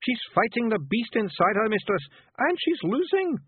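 A man voicing a small, fierce male fairy chieftain with a broad Scottish accent and a brash, shouty manner. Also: sits high, big pitch swings, normal speed, slightly rough, no echo, pitched above the performer's own voice, exaggerated voice. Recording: dry tinny phone-like sound.

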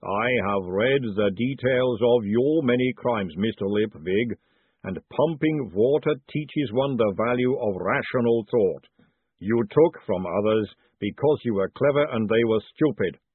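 A man voicing a calm, literal-minded male clay golem with a slow, rumbling, formal way of speaking. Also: slightly rough, no echo. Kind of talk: audiobook narration. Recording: dry, phone-like narrow band.

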